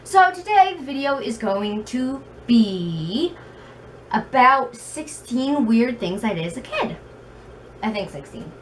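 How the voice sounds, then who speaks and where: A woman's voice: a little high, big pitch swings, slow. A woman with a very slight lisp telling stories in a casual, rambling, self-deprecating vlog style, recorded in her room. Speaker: video blogger. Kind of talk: casual chatty vlog storytelling. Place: bedroom at home. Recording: noisy room with fan, distant mic.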